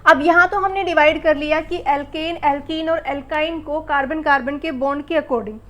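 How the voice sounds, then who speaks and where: In a classroom chemistry lesson, a woman with a high, somewhat bright voice speaks unhurriedly, addressing pupils as beta and bachche. She poses questions, answers them herself and repeats the key words; the highs are cut off.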